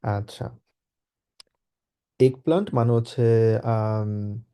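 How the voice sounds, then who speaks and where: A male language teacher runs an online class, breaking each word into letters and asking learners to repeat after him. His voice is very dark and mellow, and he stays patient throughout. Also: fairly low pitch, steady tone, drawn-out words, clear, resonant tone. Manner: patient, spells words out and drills repetition.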